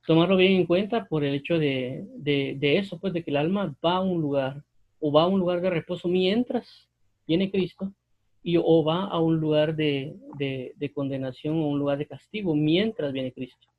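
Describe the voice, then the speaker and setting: A man giving an unscripted Bible commentary, pausing often with fillers and restarts as he explains a passage. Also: on the high side, narrow, tinny audio. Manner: hesitant, many fillers and restarts. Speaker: Bible teacher.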